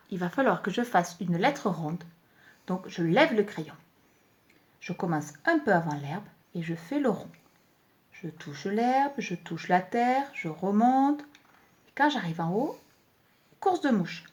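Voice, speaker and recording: Casting: female teacher, higher voice, very animated delivery, speaks slowly and clearly to small children. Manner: slow, clearly articulated, encouraging teacher talk. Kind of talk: home-schooling lesson video for young children.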